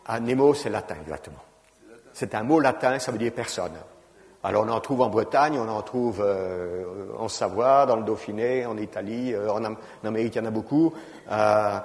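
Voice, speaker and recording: A man's voice: lowish voice, moderate pace. A man giving an informal lecture on genealogy, talking conversationally and often adding "hein" and fillers. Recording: reverberant lecture hall.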